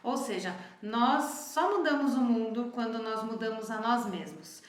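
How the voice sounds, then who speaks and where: Woman therapist, calm explanatory talk, somewhat high voice, echoey room. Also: moderate pace. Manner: calm, explanatory, often adds "né?". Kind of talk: reflective teaching talk.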